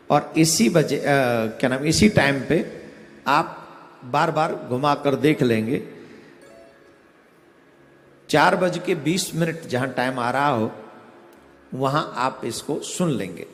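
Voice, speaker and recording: A man preaching a devotional discourse, giving slow, step-by-step instruction. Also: on the high side, gravelly. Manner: slow, instructive, chants a Sanskrit verse in a sing-song. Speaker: spiritual preacher. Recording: echoey hall with faint music behind.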